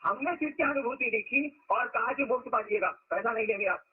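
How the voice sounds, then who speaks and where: A man's voice: very high-pitched, fairly quick, breathy edge. A man giving a spiritual discourse to followers, telling stories and stressing words to make his point. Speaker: spiritual teacher. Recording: lo-fi phone-like recording.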